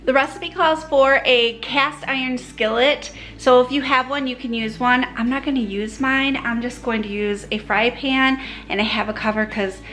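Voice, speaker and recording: A woman's voice: on the high side, fairly even intonation, normal speed, few pauses, a bit bright. A woman narrating a casual shopping and cooking vlog in a chatty, upbeat way, thinking aloud as she goes. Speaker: home cook and shopping vlogger.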